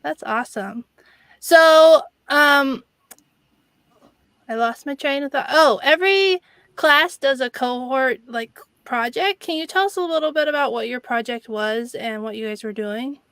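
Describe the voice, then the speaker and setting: A woman's voice: high-pitched, a little slow, fairly bright tone, clean tone, no echo. A woman hosting a casual interview in a chatty, conversational way, peppering her speech with "like". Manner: conversational, frequent "like" as filler. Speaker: interviewer, host.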